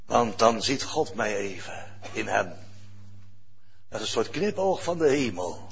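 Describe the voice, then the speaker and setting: A pastor preaching a sermon in a lively, conversational way, rising sharply and dropping to near-whispers. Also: male voice, on the low side, unhurried, vocal fry, highs cut off. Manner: lively, conversational preaching with sudden loud rises and soft drops.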